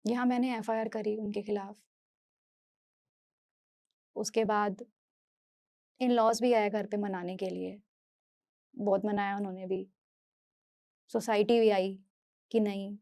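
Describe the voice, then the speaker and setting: A woman from Delhi giving an earnest, halting first-person testimony as a speaker, often restarting and repeating her phrases. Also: medium pitch, flat delivery, warm tone, no room sound. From Delhi, India. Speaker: speaker sharing a personal story.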